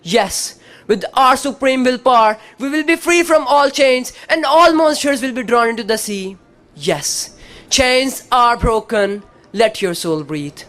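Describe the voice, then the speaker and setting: A woman with a Pakistani accent delivering a dramatic declamation speech, theatrical and emphatic, with deliberate, precise elocution in short phrases. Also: fairly high pitch, lively intonation, a bit bright. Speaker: student competitor in a declamation contest.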